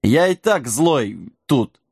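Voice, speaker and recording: A man's voice: mid-range voice, big pitch swings, takes it slowly, a little mellow, breathy edge, no room sound, clean studio sound, full character voice. Man doing a grumpy indignant wizard. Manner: indignant grumbling.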